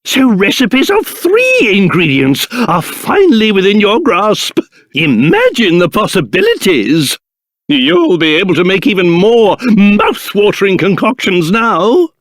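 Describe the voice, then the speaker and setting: A fussy, fatherly old British king from a video game, with a high voice that swoops dramatically. He speaks in pompous, formal phrases at an unhurried pace, full of self-importance. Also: huge pitch swings, a bit bright, no echo, studio quality, exaggerated voice. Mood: boastful. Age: older. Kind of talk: video game character voice acting.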